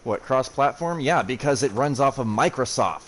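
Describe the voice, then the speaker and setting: A man's voice: mid-range voice, expressive, normal speed, a bit bright, slight background noise. A man streaming a video game, chatting casually with profane banter. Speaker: gaming streamer. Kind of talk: casual gameplay chat.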